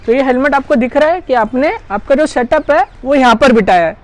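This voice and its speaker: Speaking a bit fast in a high, animated voice, a woman chats her way through a hands-on product installation step by step. She reviews gear and explains as she works, and the recording has no room sound.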